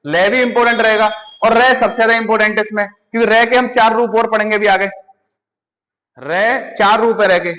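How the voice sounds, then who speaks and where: A man's voice: high voice, fairly bright tone, in a large hall. A man teaching Hindi grammar for exam preparation, repeating sounds aloud and asking students questions. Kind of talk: exam-prep classroom lesson.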